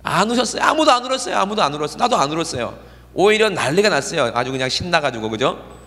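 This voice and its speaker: A man's voice: fairly high pitch, animated, quick pace, pushed and bright. A middle-aged man preaching a sermon in a conversational way, often checking in with his congregation. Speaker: pastor. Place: church sanctuary. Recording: long church reverb.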